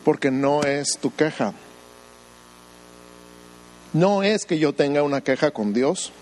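Pastor preaching with rhetorical questions. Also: male voice, fairly high pitch, expressive, slow pace, darkish tone, a little hiss or hum, low-quality recording. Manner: acts out voices of doubters in quoted asides. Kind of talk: sermon.

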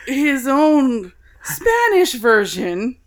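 A woman's voice: high voice, big pitch swings, very slow. A young adult woman co-hosting a podcast, telling stories while laughing often and swearing casually. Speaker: podcast co-host. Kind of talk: casual chat.

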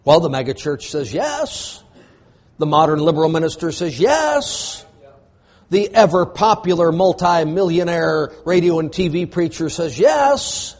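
A man preaching an emphatic sermon, repeating phrases and building to shouts. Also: a little high, big pitch swings, measured pace. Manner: emphatic, rising to shouts, repetitive preaching cadence.

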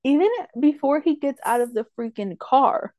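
Woman podcast cohost, mellow warm tone, chatty and rambling, dry close sound. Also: sits high, moderate pace, dry recording. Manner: chatty, many fillers, quotes characters with laughs. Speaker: podcast co-host. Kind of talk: casual chat recapping a TV show.

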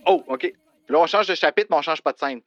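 A man's voice: fairly high pitch, fast, fairly bright tone, no room sound, lo-fi sound, faint music behind. A man with a Québécois accent making joking, giggly asides in a casual podcast chat.

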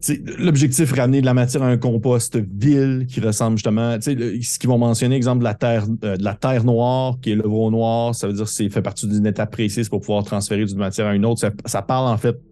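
Québécois guy running a tabletop game, mellow dark voice, rambles and trails off with lots of euhs. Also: mid-range voice, fairly even intonation. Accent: Québécois French. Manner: rambling, halting explanations full of fillers. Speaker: game master.

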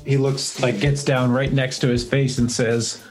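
A man describing his character's moves in a tabletop game. He rambles and restarts as he talks, in a mid-pitched voice with faint music in the background. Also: level tone, unhurried, low-quality recording. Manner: rambling, full of fillers and restarts. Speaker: player. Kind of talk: tabletop role-play narration.

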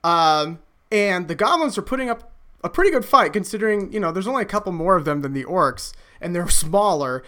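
A woman's voice: lowish voice, animated, fairly quick, bright, forceful tone. A woman narrating a tabletop game as game master, often breaking into laughter.

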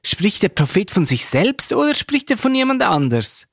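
A man's voice: high-pitched, very animated, normal speed, vocal fry, fairly bright tone, dry recording, studio quality, pitched above the performer's own voice, heavily acted. A man reading aloud, voicing an eager male Ethiopian court official who asks earnest questions in a raised voice.

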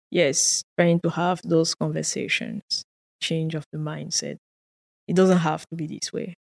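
Her voice is deep, creaky, and a little mellow: an earnest woman from Cameroon whose first language is French. As a guest research scientist in a conversational interview, she tells stories sincerely, with occasional laughter and repeated words.

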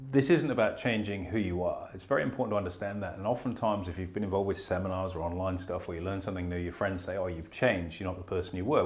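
A man hosting a casual talk show, speaking earnestly and often restarting his sentences. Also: sits low. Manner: earnest, self-correcting, stammers on restarts. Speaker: host. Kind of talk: casual podcast chat about investing.

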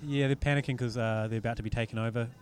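A man with a New Zealand accent talks casually as a podcast host. His pitch sits in an ordinary middle range, and he fills gaps with ums and restarts. Faint music plays in the background. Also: very fast. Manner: relaxed, chatty, frequent ums and restarts. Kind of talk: casual chat about beer news.

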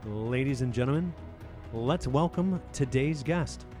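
A man's voice: mid-range voice, a little slow, darkish tone. A man delivering a scripted podcast introduction as its narrator. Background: music under the voice.

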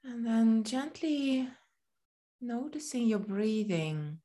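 A woman whose voice is slightly high walks listeners through a body scan meditation, gentle and soothing in tone. Her pitch swings widely, and she lets long pauses fall between phrases.

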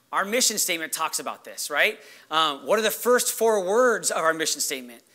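Hoarse guy pastor giving a sermon, high bright voice, chatty but emphatic, keeps checking in. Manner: conversational, emphatic, checks in with "right?". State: hoarse, losing his voice after yelling. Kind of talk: sermon to a congregation.

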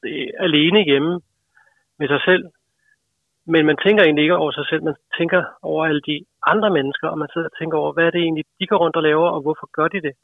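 Author guy umming a lot, kinda high gravelly voice, dry phone line. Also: fairly even intonation, dry recording. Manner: hesitant, many fillers. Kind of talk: casual interview answer.

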